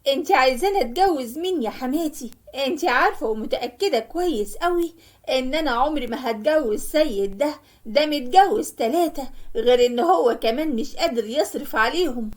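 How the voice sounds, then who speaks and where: A woman's voice: high voice, expressive, a little fast. A woman with an Egyptian Arabic accent narrating a dramatic first-person story in an earnest, emotional way.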